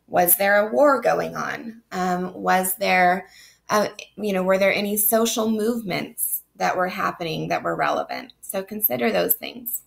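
A literature instructor gives a recorded online lecture in a mid-range, slightly slow voice. She's sick and losing her voice, so it comes out gravelly and strained, yet she explains steadily, with frequent ums.

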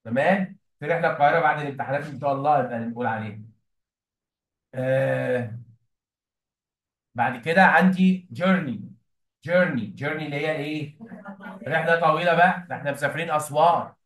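A man's voice: on the high side, a little fast, long pauses, a bit bright. A man with an Egyptian Arabic accent teaching an English lesson to a classroom of students, often prompting them with questions. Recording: echoey room, mic at a distance.

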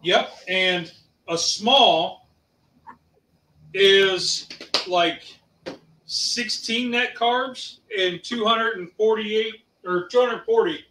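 High, bright-voiced man from Ohio. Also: drawn-out words, long pauses, slight background noise. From Ohio, USA. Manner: chatty, hesitant, many fillers. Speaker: co-host reading viewer chat. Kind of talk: casual livestream chat. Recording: roomy, mic at a distance.

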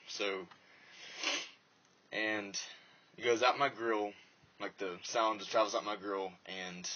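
Here a man with a lowish, husky, somewhat bright voice shows how to do an install in an informal vlog. He talks plainly and casually while moving around a truck. The handheld phone or small camera audio comes out muffled and full of noise.

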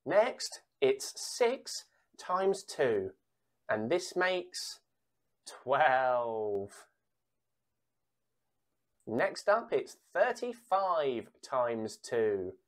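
A woman calling numbers like a bingo caller for children, reading out sums, pausing before each answer and repeating digits. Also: extremely low pitch, very animated. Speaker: bingo caller for a children's times tables game.

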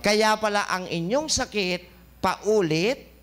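High-voiced joking male health lecturer. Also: lively intonation, slow, a bit bright. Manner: joking, quizzing listeners with questions. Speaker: health talk show host and doctor. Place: studio.

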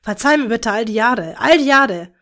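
A courteous young pureblood wizard speaks politely to his relatives, voiced by a woman reading aloud. She drops her voice a little lower for him. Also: lively intonation, normal speed, fairly bright tone.

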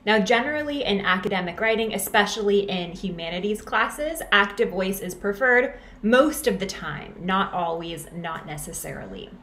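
A woman explaining writing grammar as an instructor, in a clear teaching manner and often asking "right?". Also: medium pitch, animated, moderate pace, hardly any pauses, fairly bright tone. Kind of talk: lecture over slides. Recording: roomy echo, faint background ambience.

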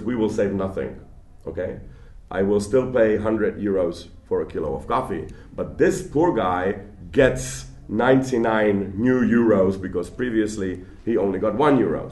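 A man lectures to an audience in a large hall in a loose, conversational way. His voice sits a little low, and he often stammers and restarts his sentences. The room adds a noticeable echo. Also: a little mellow. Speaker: guest lecturer. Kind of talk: public lecture.

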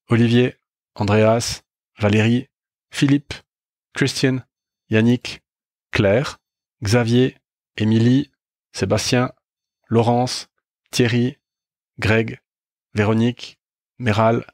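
A man's voice: medium pitch, vocal fry, darkish tone, no room sound, clean studio sound. A middle-aged man hosting a podcast, telling a candid, self-critical story about his own mistakes, often hesitating and restarting as he goes. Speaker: podcast host. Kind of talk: reflective storytelling monologue.

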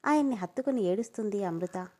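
A woman narrating a family drama story aloud in a steady, even way. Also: mid-range voice, fairly quick.

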